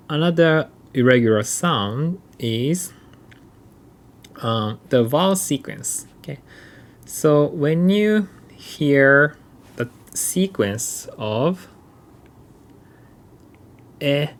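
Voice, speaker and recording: In this recorded mini-lecture, a Japanese language instructor from Japan, whose first language is Japanese, speaks at medium pitch with an unhurried, gravelly delivery. He explains with patience, repeating examples and stretching out the sounds he demonstrates.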